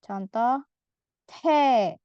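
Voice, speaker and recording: Woman teacher sounding out letters one by one, fairly high voice, kinda lo-fi audio. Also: very slow, clear, resonant tone, dry recording. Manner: patient, demonstrates each sound aloud and repeats it. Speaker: Korean language teacher. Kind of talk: slow step-by-step lesson. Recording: slightly dull lo-fi audio.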